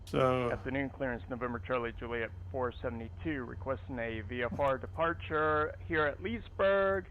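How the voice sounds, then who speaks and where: A man on a headset mic, making clipped pilot radio calls and reading out his call sign and runway calmly and carefully. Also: mid-range voice, normal speed, phone-quality sound, slight background noise.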